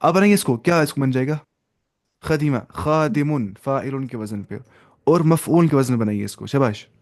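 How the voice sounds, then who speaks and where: A man's voice: medium pitch, expressive, moderate pace. A young man teaching an Arabic grammar class to students, explaining each step, asking questions and mixing in English terms.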